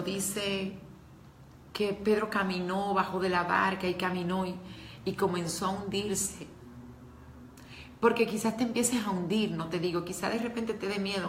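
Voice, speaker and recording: A woman's voice: mid-range voice, reverberant, a little hiss or hum. Earnest woman preaching. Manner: emotional, earnest, addresses listeners directly. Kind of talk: devotional talk to women.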